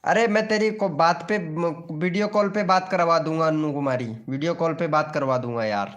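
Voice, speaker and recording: A man's voice: on the high side, normal speed, fairly bright tone. A young man hosting a casual live stream, joking and teasing viewers by name.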